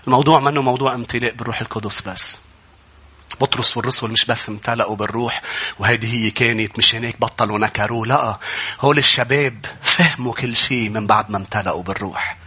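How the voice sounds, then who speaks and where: A pastor preaching a sermon in a Lebanese Arabic accent, rising from quiet storytelling to loud, impassioned shouts. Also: male voice, mid-range voice, steady tone, quick pace, breathy edge.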